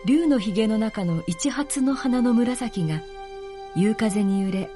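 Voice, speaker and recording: A woman reading narration and closing notes in a clear, composed way. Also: on the high side, lively intonation, slow, over music. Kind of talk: literary reading.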